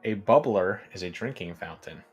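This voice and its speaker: A man's voice: deep voice, lively intonation, normal speed, husky, highs cut off, faint music behind. A man from New Jersey in casual chat, hesitant with many fillers, laughing easily. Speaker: co-host.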